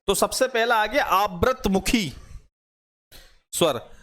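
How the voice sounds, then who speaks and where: High-voiced man teaching a grammar class. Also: animated, slow pace, fairly bright tone. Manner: explains step by step, repeats examples aloud and asks rhetorical questions. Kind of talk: online Hindi grammar class.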